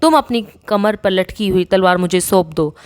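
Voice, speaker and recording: A woman's voice: medium pitch, expressive, normal speed, clear, resonant tone, pitched below the performer's own voice, close to an everyday voice. A woman voicing a short-tempered male demon lord who threatens and orders others impatiently.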